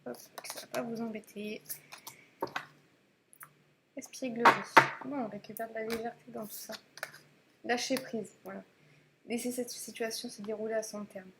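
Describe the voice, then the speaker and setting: A woman's voice: a little high, fairly even intonation, normal speed, creaky, pauses often, heavy background noise. Chatty woman reading tarot cards. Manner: chatty, hesitant, many fillers and restarts. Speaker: tarot reader. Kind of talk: casual monthly tarot reading to camera.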